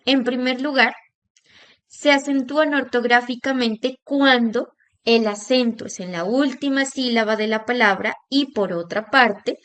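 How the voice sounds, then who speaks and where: A woman teacher giving a recorded lesson, drawing out example words slowly to show where the stress falls. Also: on the high side, a bit bright. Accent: Latin American Spanish.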